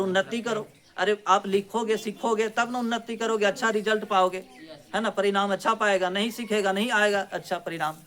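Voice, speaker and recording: Guy teacher, fairly high voice, firing questions at kids, a bit scolding. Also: fairly bright tone. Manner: drills pupils with quick questions, scolds and teases. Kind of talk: classroom spelling lesson. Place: classroom with pupils.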